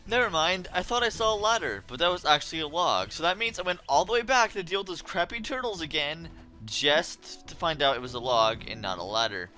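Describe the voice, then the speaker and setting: Lively bright-voiced man narrating gameplay. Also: a little high, fairly quick, soft background music. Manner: chatty, wry and easily annoyed. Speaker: let's play host. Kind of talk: casual game commentary.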